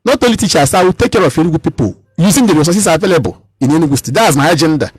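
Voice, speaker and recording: A Nigerian man in his thirties talks at a rapid clip, pressing his points hard and circling back over his own words. His voice sits high and has a slightly husky grain, recorded close and dry on a radio mic. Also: lively intonation, no echo, soft background music, poor audio. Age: 30s. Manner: emphatic, repeats and restarts phrases. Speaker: political candidate. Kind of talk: radio interview.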